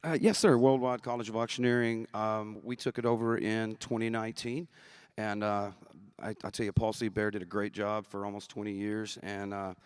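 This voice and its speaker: A man's voice: lowish voice, fairly even intonation, normal speed, smooth, no room sound. Middle-aged male interview guest, clean resonant voice, dry close sound, conversational. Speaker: interview guest, auctioneering teacher.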